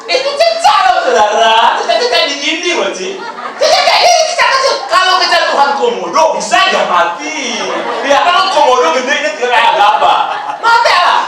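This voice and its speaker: Animated preacher in a booming church hall. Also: male voice, background noise. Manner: animated, playful, swings between loud outbursts and quiet asides. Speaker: pastor. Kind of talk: sermon. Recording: echoey church hall, mic far off.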